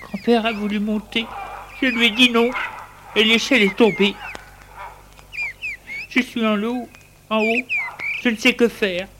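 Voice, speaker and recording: A reader voicing a scheming young grandson in a storybook tale, in a raised, shrill voice, on a noisy recording with birds chirping. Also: steady tone, unhurried, pauses often, close to an everyday voice. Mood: feigned distress. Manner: raised, shrill pitch for the cries.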